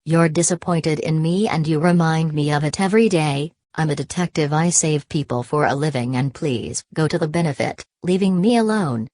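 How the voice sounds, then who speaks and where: A woman's voice: low voice, moderate pace, few pauses, darkish tone, no echo, natural voice. A woman voicing a hurt, defiant female detective daughter in an audiobook, curt and bitter. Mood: angry, hurt. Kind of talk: audiobook character dialogue.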